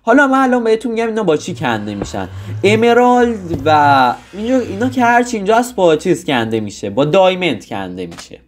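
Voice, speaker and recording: Lively young man explaining a game. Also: high voice, slight background noise. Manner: rambling, loose, with restarts and joking asides. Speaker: gaming tutorial host. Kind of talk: casual gameplay tutorial.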